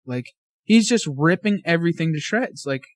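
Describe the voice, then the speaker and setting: A man guesting on a podcast, excitedly telling a casual story full of fillers and slang. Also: on the high side, moderate pace, dry recording.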